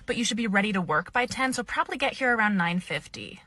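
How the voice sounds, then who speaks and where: Woman acting in a tense workplace comedy skit, medium pitch, very dry close sound. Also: lively intonation, fast talker, sharp tone, dry recording. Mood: insistent.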